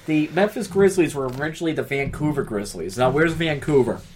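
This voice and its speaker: A man's voice: fairly high pitch, expressive, a little fast, darkish tone, slight background noise, low-quality recording. A man from New England, co-hosting a casual chat and rambling through sports trivia with jokes and the odd swear. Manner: rambling, jokey, swears, trails off into mumbles. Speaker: podcast co-host.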